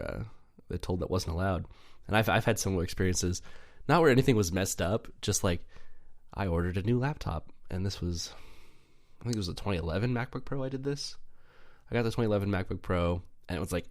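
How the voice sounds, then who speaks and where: Young man, very low voice, podcast co-host, rambling casual chat, laughs a lot. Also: fairly quick. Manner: rambling, laughs often, many fillers.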